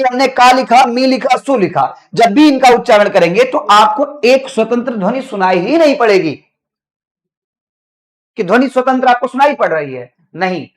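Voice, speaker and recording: A male teacher giving an online grammar lesson. He asks the class questions, answers them himself, and repeats key phrases. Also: very high-pitched. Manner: slows down to dictate notes.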